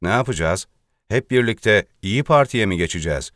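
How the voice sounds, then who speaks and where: A man's voice: lowish voice, animated, fairly quick, fairly bright tone, no echo, studio quality. A man voicing an anxious male party deputy in a read-aloud satirical column, pleading and earnest.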